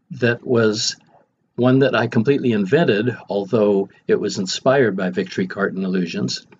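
Low-voiced older man reminiscing, slightly muffled. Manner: wry, conversational asides. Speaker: podcast host. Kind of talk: reminiscing storytelling monologue. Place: home library. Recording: muffled, faintly noisy.

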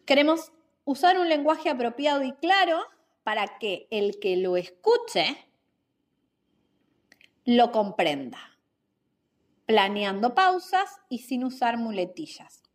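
A woman hosting an instructional podcast, explaining communication skills in a clear, measured, teacherly way with rhetorical questions. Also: on the high side, sing-song.

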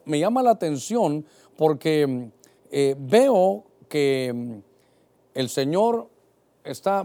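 Older guy pastor preaching hard, high pitched, swoops up and down a lot. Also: dark tone. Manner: impassioned preaching, keeps calling listeners brother. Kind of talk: sermon.

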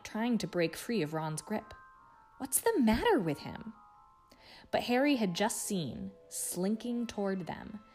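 A woman reading a book chapter aloud in a hushed, suspenseful way. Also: on the low side. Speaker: guest reader.

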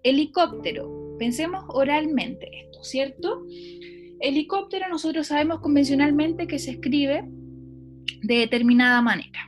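A woman teacher lays out a concept patiently, step by step. Her voice sits high. She stops to ask her student questions. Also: moderate pace, soft background music. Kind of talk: lecture on phonology.

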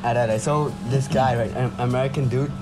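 A man's voice: medium pitch, fairly even intonation, brisk, noisy background. A young man from Indonesia chatting and telling stories casually in slangy frat-bro talk full of bro and dude. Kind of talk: casual chat and storytelling. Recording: music playing behind the voice.

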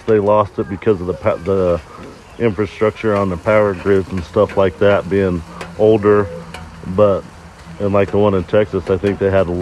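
Very deep voiced guy in his fifties from arizona, short plain answers, faint sizzle behind. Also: darkish tone, a little hiss or hum, low-quality recording. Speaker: interview guest. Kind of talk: casual interview. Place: campground outdoors.

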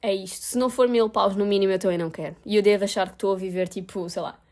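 A woman's voice: medium pitch, fairly even intonation, rapid-fire, darkish tone. A young woman with a European Portuguese accent, talking frankly and self-mockingly in a casual vlog, swearing freely. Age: young adult. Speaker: vlogger.

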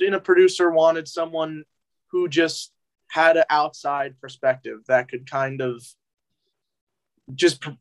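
A young man from New Jersey, a musician guest, chatting in an easygoing, hesitant way with many fillers. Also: fairly high pitch. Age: young adult. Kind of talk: casual interview chat.

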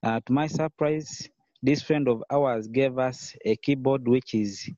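A man, a podcast guest earnestly telling his story in a measured way with pauses. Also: medium pitch, warm tone, dry recording. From Uganda. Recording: dull, lo-fi, dry sound.

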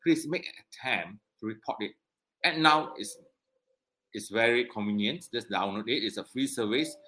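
A man's voice: on the low side, lively intonation, normal speed, pushed and bright, a little hiss or hum. A man co-hosting a casual talk show, speaking earnestly with many hesitations and restarts. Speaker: regular co-host. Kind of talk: casual chat.

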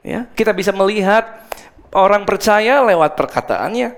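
A man preaching a sermon as a pastor, animated, acting out the scripture quotes and slipping in English words. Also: high-pitched, moderate pace.

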